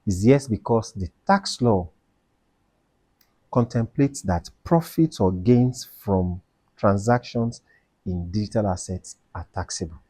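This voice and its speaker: Emphatic, low-voiced man teaching. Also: animated, slow pace, mellow, husky, dry recording. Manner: emphatic, repeats key points, asks and answers own questions. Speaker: tax educator. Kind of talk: explainer video lecture.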